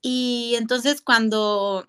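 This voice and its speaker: Candid woman, slightly high voice. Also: fairly even intonation, very slow, a bit bright, clear, resonant tone. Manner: candid, reflective, frequent fillers and restarts. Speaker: guest mother. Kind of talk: casual conversational interview.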